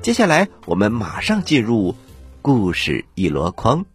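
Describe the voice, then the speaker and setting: Husky, very animated male storyteller. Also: fairly low pitch, a little slow, soft background music. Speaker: children's storyteller, host. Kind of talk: animated story narration for children.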